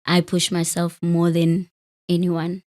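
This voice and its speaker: This late-thirties podcast host from Free State, South Africa, speaks in a lowish, slightly mellow voice, slowly and with a completely flat delivery. In a conversational interview she is open, pokes fun at herself, and laughs easily.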